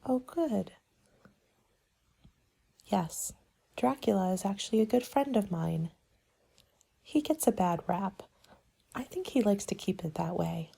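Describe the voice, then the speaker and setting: Playing a party planning agent, a woman performs a soft-spoken, partly whispered ASMR roleplay in a mellow, mid-range voice that is animated, creaky, and husky. Her patter is polite, measured, and businesslike, in the style of a consultant.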